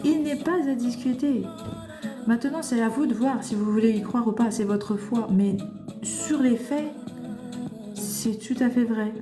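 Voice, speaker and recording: A woman's voice: on the high side, unhurried, reverberant, over music. A woman preaching fervently on a live stream, scolding her listeners and firing rhetorical questions at them. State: tearful. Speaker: livestream host. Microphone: phone.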